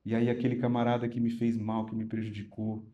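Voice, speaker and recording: Middle-aged Brazilian male pastor, animated storyteller, relaxed warm tone. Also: on the low side, fairly quick, highs cut off. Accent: Brazilian Portuguese. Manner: animated storytelling, swinging loud and soft. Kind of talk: sermon with personal story.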